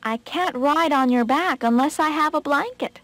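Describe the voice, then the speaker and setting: Sly, cocky storybook rabbit with a high voice, read by a woman. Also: moderate pace, a bit bright, no room sound. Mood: fussy. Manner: cocky, then fakes a weak sickly voice. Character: tricky boastful male rabbit.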